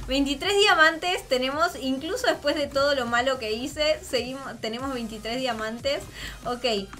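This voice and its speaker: A young woman with a Rioplatense Spanish accent doing casual, dramatic gameplay commentary, laughing and shrieking often. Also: fairly high pitch. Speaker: gaming channel host. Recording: faint game music behind.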